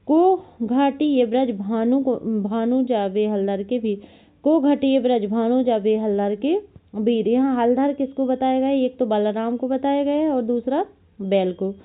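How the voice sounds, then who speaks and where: A woman teaching a Hindi grammar lesson for exam preparation, slowly repeating definitions and examples and correcting herself. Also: on the high side. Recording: tinny phone-like audio.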